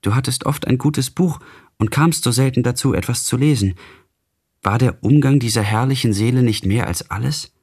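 Tender and devout, this grieving young woman speaks higher and a little louder than the narrator around her, with a soft, husky breath in the tone, as a man reads her out. She belongs to a literary radio reading and sounds gentle throughout. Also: moderate pace.

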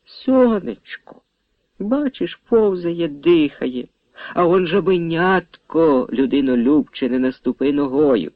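A man's voice: fairly high pitch, lively intonation, takes it slowly, dry recording, phone-quality sound, voice pushed up. A man voicing a pious, fussy old village priest who drawls out his words. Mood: tender.

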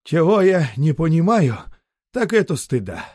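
Brief: a shrill, wailing fat merchant, high and loud, storybook reading. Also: male voice, big pitch swings, measured pace, breathy edge, dry recording, studio quality, full character voice. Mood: excited. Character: fat shrieking panicky male merchant in a bathhouse.

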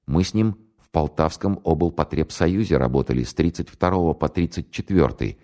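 A man's voice: rumbling low, normal speed, dark tone. A man voicing a polite, slightly embarrassed male caller who apologizes courteously. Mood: polite, sheepish.

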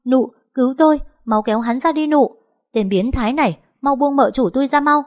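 A woman's voice: sits high, fairly quick, a little mellow, pitched above the performer's own voice, lightly acted. A woman voicing a frightened young female servant girl, crying and begging. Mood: shrill.

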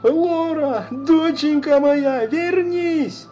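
A man's voice: extremely high pitch, completely flat delivery, gravelly, warm tone, dull audio, soft background music, voice pushed up, heavily acted. Audiobook figure: a broken father , a male narrator putting him on, howling long raised cries. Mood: anguished. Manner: anguished drawn-out wailing. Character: grief-stricken middle-aged father wailing at graveside.

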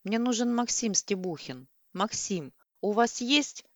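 A woman's voice: mid-range voice, lively intonation, unhurried, no echo, studio quality, natural voice. A woman voicing a distraught young woman who is crying and pleading. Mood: pleading tearful.

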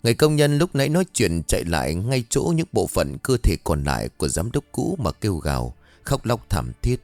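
Low-voiced male horror storyteller. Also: sing-song, fairly quick, a little mellow, no echo, soft background music. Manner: dramatic storyteller. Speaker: narrator.

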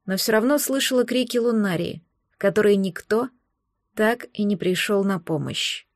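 Woman narrating an audiobook, fairly high. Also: no room sound, clean studio sound. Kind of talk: first-person audiobook narration.

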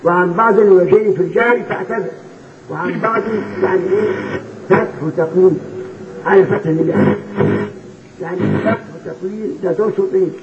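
A man with an Egyptian Arabic accent teaches Quran recitation in a high voice, quizzing his students and chanting verses slowly. The recording is tinny and phone-like, with steady noise behind him. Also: reverberant. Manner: repeats verses in slow chanted recitation between quick explanations. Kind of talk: explaining recitation rules to students.

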